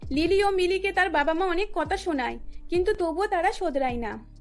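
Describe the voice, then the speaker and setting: This woman's voice is extremely high as she tells a scripted cartoon tale at an ordinary speed. There's faint music in the background.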